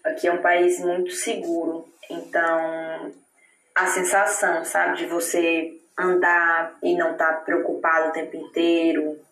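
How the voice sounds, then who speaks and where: A woman's voice: fairly low pitch, flat delivery, measured pace, a bit bright, reverberant, low-quality recording. A woman from northern Brazil, chatting casually as an interviewee about life abroad, often adding "né?" to her sentences. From Tocantins, northern Brazil. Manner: chatty, many "né?" tags. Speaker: interviewee living in Germany.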